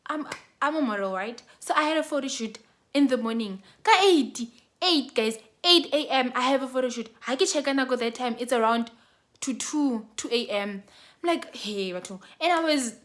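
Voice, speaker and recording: Animated young South African woman. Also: high voice, normal speed. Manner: animated, dramatic retelling, voice swinging between loud bursts and hushed asides; talks straight to her viewers, often calling them "guys". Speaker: YouTuber telling a story. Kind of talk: casual storytime.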